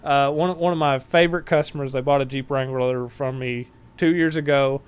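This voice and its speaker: The Southern US car salesman is now medium-pitched, with fairly even intonation, a moderate pace and a clean tone. He spins friendly stories in a relaxed podcast chat, often restarting sentences and moving off his home mic.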